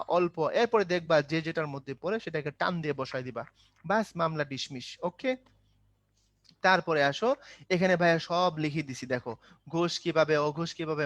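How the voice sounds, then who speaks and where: Man, high voice, grammar teacher, lively drilling delivery, dry close sound. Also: no room sound. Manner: lively, drills terms rhythmically, addresses students as ভাইয়া. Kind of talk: online demo class lecture.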